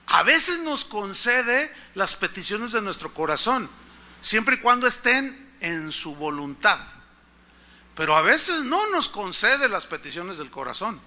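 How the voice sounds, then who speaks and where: A male preacher's sing-song voice, high for a man and sharp and bright, carries a slightly slow sermon. He tells a story and asks the congregation questions.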